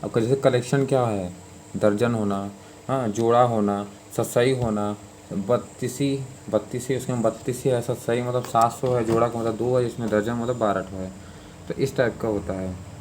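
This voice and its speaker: A man teaches a grammar lesson for exam students at a mid pitch, explaining informally and repeating himself. He keeps checking in with his listeners and fills his pauses. A faint noise sits under the recording. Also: fairly even intonation, a little mellow. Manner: informal, repetitive explaining with many fillers and "ठीक है".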